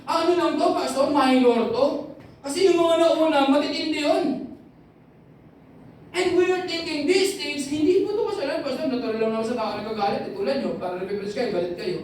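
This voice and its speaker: A woman preaches in a lively storytelling way and often mimics the people in her stories. Her voice comes from a distance and rings around a large, very echoey hall. A faint hum of ambient noise sits underneath. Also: high-pitched. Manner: lively storytelling, imitates others, frequent fillers. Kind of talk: sermon mixing Tagalog and English.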